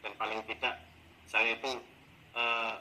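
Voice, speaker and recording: A man playing a teacher in a coaching role-play, complaining in an exasperated, animated way about his class. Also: fairly low pitch, measured pace, slight background noise, low-quality recording. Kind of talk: role-played coaching session.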